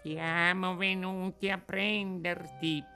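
A man's voice: high-pitched, little pitch movement, slow pace, creaky, sharp tone, faint music behind, pitched above the performer's own voice, full character voice. A man doing a grim undertaker rabbit. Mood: ominous.

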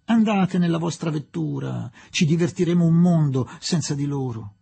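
A man's voice: on the high side, moderate pace, vocal fry, dark tone, husky, pitched above the performer's own voice. A man voicing a blunt, impatient young woman in a storybook reading. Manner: impatient, dismissive.

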